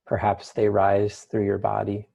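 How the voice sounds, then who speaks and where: Low, creaky man guiding a mystical meditation. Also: completely flat delivery, measured pace, warm tone. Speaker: guided meditation leader. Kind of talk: guided meditation.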